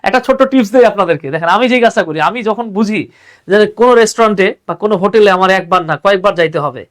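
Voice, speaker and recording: Very fast and high, with a fairly bright tone, a young man's voice runs an online class on English grammar. He chats freely, sprinkles in "হ্যাঁ" again and again with other little affirmations, and slips English terms into his Bengali.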